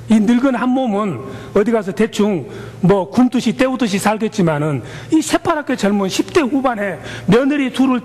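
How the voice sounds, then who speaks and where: Cast: a male pastor, chatty and animated sermon, echoey hall. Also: sits high. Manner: colloquial, animated storytelling.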